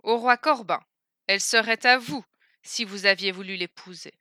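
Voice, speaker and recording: A woman's voice: medium pitch, moderate pace, bright, forceful tone, no echo, studio quality, natural voice. A woman voicing a poor male beggar who talks in a firm, scolding, commanding way. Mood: stern. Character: stern poor male beggar, gruff and bossy.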